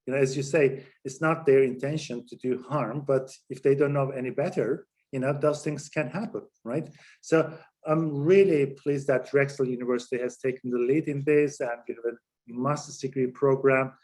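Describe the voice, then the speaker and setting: A man's voice: medium pitch, fairly even intonation, normal speed, darkish tone. A man moderating a panel discussion over a video call, courteous and a little hesitant, with fillers.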